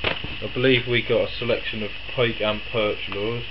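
A man with a croaky, congested voice from a cold gives casual, halting unboxing commentary in a low-key way. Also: steady tone. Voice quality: croaky, hoarse. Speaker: tackle shop vlogger presenting products. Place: indoors in a tackle shop. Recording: dull lo-fi sound, loud background noise.

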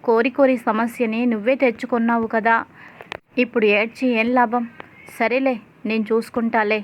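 A woman voicing a protective young husband who reassures his wife quickly and earnestly. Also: a little high, flat delivery, muffled recording, slight background noise, close to an everyday voice. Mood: scolding.

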